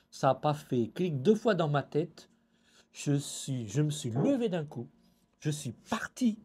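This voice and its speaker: A young man from France telling a personal story in a casual, animated way, acting out the dialogue and dropping in Japanese phrases. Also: on the high side, husky.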